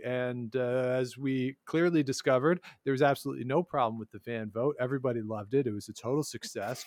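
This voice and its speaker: A man's voice: medium pitch, dry recording. A man with a mid-range voice co-hosts a casual sports talk show. He talks with a wry, sarcastic edge and slips chuckles into his asides. The sound is dry and close, with no room sound. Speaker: podcast co-host.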